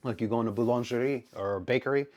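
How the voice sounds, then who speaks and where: An American man streamer telling a story to his chat in an animated, exasperated way, acting out both sides of the exchange. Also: mid-range voice, racing. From United States. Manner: animated, exasperated retelling with quoted dialogue.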